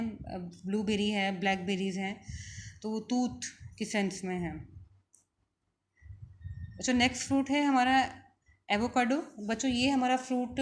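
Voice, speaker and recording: A woman with a Pakistani Urdu accent teaching a vocabulary lesson, repeating each word slowly for her students. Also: fairly high pitch.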